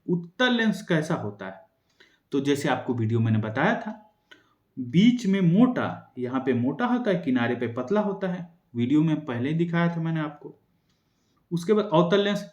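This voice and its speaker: Brisk young male tutor, echoey room. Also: fairly high pitch. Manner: explains quickly, asking and answering his own questions. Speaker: teacher. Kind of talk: exam-prep science lesson.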